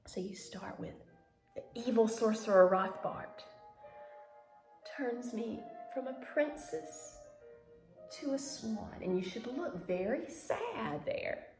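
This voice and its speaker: A woman with a highish, darkish-toned voice and lively intonation speaks slowly as she teaches ballet mime, telling theatrical stories and encouraging learners to join in. She walks viewers through the gestures in a very echoey room, music behind her.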